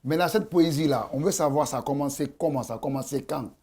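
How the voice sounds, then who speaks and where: A man's voice: on the high side, quick pace, darkish tone, husky. A man with a Guinean accent interviewing a guest as a journalist, hesitating and repeating himself as he goes. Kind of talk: lively conversational interview.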